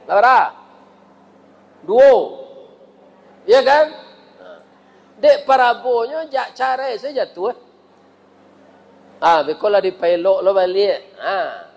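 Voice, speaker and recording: High-voiced Minangkabau preacher, unhurried. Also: male voice. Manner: lively storytelling with frequent rhetorical questions. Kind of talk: sermon. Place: mosque.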